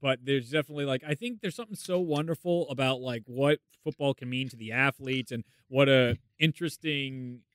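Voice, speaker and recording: A man's voice: mid-range voice, fairly bright tone, smooth, dry recording. A man hosting a podcast in casual chat, effusive and full of banter. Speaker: podcast host.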